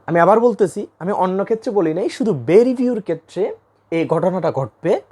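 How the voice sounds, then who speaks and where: A man's voice: sits high, expressive, normal speed, mellow, breathy edge. A man from Bangladesh teaching English grammar at a board, repeating key points and quizzing his students. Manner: repeats key points, asks the class questions. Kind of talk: classroom grammar lesson. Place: classroom with a board.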